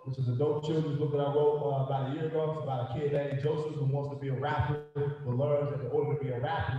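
A man's voice: mid-range voice, mellow. A man in his thirties, a guest speaker talking casually to an audience in informal, slangy language. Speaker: guest speaker and children's author. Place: large indoor gymnasium. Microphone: handheld microphone. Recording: very echoey gym, distant, slightly dull.

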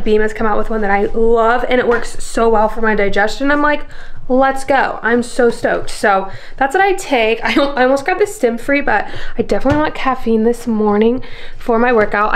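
There's slight background noise as a woman in her twenties, a fitness and lifestyle vlogger, chats bubbly and casually in a fairly high voice. She gushes into a camera held at arm's length, at home in the kitchen and bedroom and afterward in her parked car.

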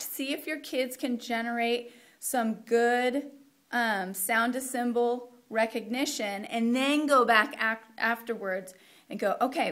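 A woman's voice: fairly high pitch, a bit bright. A woman walking teachers through a week of Spanish immersion lessons in a practical, conversational way, dropping in Spanish phrases. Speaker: Spanish program instructor. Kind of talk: teacher training walkthrough.

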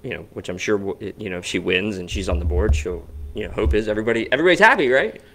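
Man, low voice, casual podcast chat, rambling, lots of restarts. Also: animated, fast talker, a bit bright, a little hiss or hum. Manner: rambling, restarts often, chatty. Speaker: podcast co-host. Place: basement home studio.

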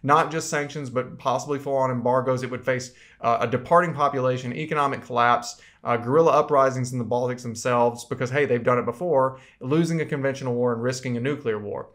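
A man's voice: mid-range voice, fairly even intonation, quick pace, few pauses, a bit bright. Man explaining debate arguments casually. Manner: conversational, often ends points with "right?". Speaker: debate coach. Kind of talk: debate topic lecture.

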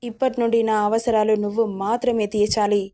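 A woman's voice: on the high side, little pitch movement, fairly quick, mellow, close to an everyday voice. A woman voicing a stern, hot-tempered young husband. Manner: curt, menacing commands.

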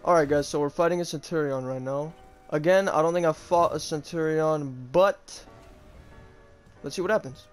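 A man's voice: a little high, moderate pace, clean tone, faint music behind. A man giving casual live gameplay commentary as a YouTuber, talking in an informal, slangy way with plenty of swearing. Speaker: gaming YouTuber.

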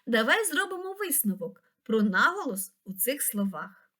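A woman reading a scripted lesson for young children, pronouncing each word slowly and clearly. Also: fairly high pitch, very animated, sharp tone. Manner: slow, clear, pronouncing words syllable by syllable. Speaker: teacher.

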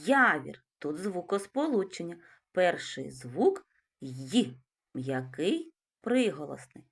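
A woman teaching young children to read, speaking slowly and clearly and sounding out words syllable by syllable. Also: on the low side, big pitch swings. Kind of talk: literacy lesson for young children.

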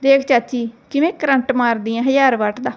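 A woman's voice: high voice, fairly even intonation, moderate pace, highs cut off, close to an everyday voice. Woman doing cheeky teasing girl Simran. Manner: playful, bargaining, mock-dramatic.

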